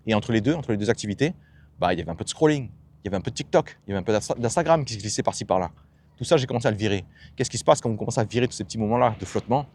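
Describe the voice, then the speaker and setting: A man's voice: lowish voice, racing, darkish tone. A man giving an emphatic motivational monologue as a self-development coach, asking himself rhetorical questions and dropping blunt slang.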